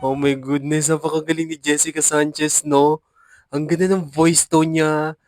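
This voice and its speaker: A Filipino-accented man hosting a casual reaction video, effusive and excitable, laughing often as he praises what he watches. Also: a little high, a little fast, soft background music. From Philippines. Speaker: reaction channel host.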